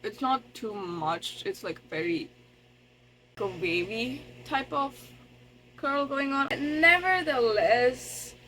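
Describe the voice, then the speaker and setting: Young woman, student vlogger, higher voice, chatty and self-conscious, bursts of excitement. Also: slow pace, a little hiss or hum, rough recording. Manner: chatty, excitable, gushing over cute things; self-conscious, sometimes quiet and mumbled. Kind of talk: casual vlog chat to camera.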